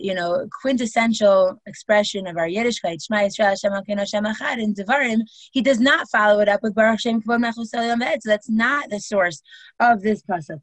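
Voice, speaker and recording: A woman's voice: mid-range voice, no echo, rough recording. A woman teaching a class, asking her listeners question after question and mixing Hebrew terms into her talk. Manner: lively, asks questions, uses Hebrew terms. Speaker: Torah teacher. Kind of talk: classroom lecture.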